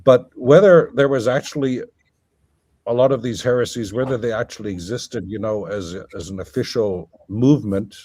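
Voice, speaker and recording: A man's voice: mid-range voice, normal speed, mellow, husky, no echo. A scholarly man explaining at length in a conversation, thinking aloud with fillers and self-corrections. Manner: lecturing, thinking aloud with many fillers and restarts. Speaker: guest scholar. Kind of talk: academic conversation.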